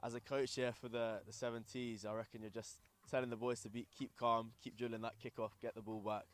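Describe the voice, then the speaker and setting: A man's voice: mid-range voice, flat delivery, fairly quick. A young man with a Scottish accent, from London, giving live sports commentary mixed with casual chat as a rugby commentator and player. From grew up in London. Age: young adult.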